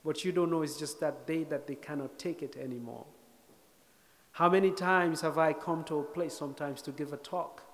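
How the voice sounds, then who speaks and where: Wry storytelling man, slightly high voice. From Sierra Leone. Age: 30s. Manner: wry, self-deprecating humor with reflective pauses. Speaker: guest speaker. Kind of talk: storytelling lecture. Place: lecture hall stage.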